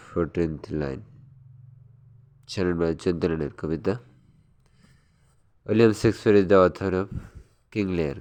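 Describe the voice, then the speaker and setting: A warm, low-voiced man tutors students for an exam by reading quiz questions and their answers one at a time. Questions come slowly, explanations come in fast asides, and hesitations and fillers crop up throughout.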